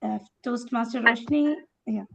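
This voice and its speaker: A woman teaching a speaking workshop in a fairly high voice with a gravelly edge. She calls on participants one by one, praises them, and acts out sample phrases to show each tone. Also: a little slow, fairly bright tone, dull audio. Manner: encouraging, calls on participants by name; demonstrates tones by acting out phrases. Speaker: workshop educator.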